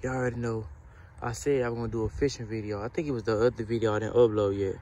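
A young man races through his words in a fairly low voice with fairly even intonation, and the recording is very noisy. He's a vlogger filming on his phone camera, outside by a pond and then inside a room. He chats loosely and ramblingly, talking straight to his audience.

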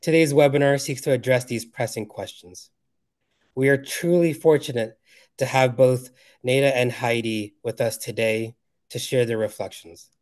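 A man's voice: mid-range voice, fairly even intonation, moderate pace, a little mellow. A man reading earnest, formal welcome remarks on a video call. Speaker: webinar co-organizer.

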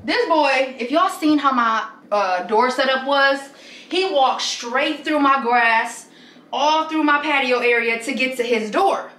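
A woman's voice: high-pitched, measured pace, sharp tone, slight background noise. A young woman chatting animatedly through a home vlog in her apartment, often laughing, filmed by a camera at a distance. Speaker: lifestyle vlogger. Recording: roomy echo, away from the mic.

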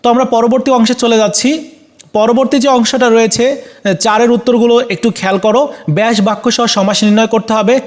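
A man's voice: very high voice, steady tone, a little fast. A man with a Bangladeshi Bengali accent walks students through exam answers in a casual way, with fillers and self-corrections. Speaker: teacher.

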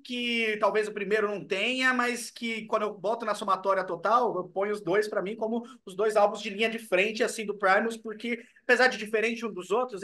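A young Brazilian man on a home video call, co-hosting in chummy, slangy, animated talk about an album. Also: high-pitched. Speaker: co-host. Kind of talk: casual album review chat. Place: home room. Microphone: video call webcam.

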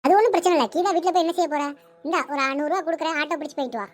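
Woman, cartoon voice work, rapid high delivery, dramatic and pleading. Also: faint music behind. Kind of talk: cartoon voice acting, many roles.

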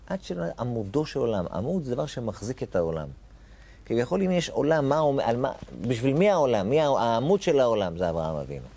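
Animated, gravelly-voiced rabbi teaching a lesson. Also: male voice, medium pitch. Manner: asks rhetorical questions and repeats key phrases; emphatic, rising sharply on key words. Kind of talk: Torah lesson.

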